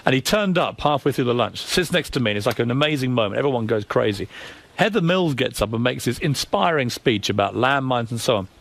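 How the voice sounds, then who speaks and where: Fast-talking man telling anecdotes. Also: mid-range voice, animated, vocal fry, fairly bright tone. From Britain. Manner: brisk gossipy storytelling. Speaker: guest, newspaper editor. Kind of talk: casual radio interview, anecdotes.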